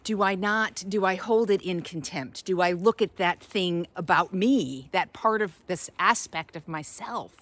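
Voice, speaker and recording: A woman speaks as a spiritual guide in an unscripted, reflective inspirational talk, frequently stopping mid-phrase to search for words. Her voice is on the low side with a fairly bright tone.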